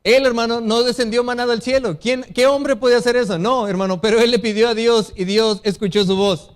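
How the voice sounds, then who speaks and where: High-pitched guy with a mexican accent preaching, earnest, calls everyone brother, acts out little quoted excuses. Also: steady tone, brisk. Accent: Mexican Spanish. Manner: earnest, appeals to the congregation as brothers. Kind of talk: sermon.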